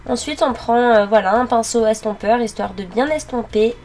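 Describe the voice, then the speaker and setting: A young woman narrating her makeup routine step by step, pausing often with fillers as she works. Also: on the high side, darkish tone, slight background noise. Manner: halting, many fillers while working. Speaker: beauty vlogger. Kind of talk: makeup tutorial voice-over.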